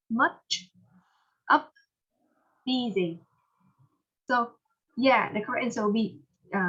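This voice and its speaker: A woman teaching English pronunciation with a Vietnamese accent, patiently drilling words and repeating them slowly. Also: fairly high pitch, slightly rough, highs cut off. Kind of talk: online pronunciation lesson.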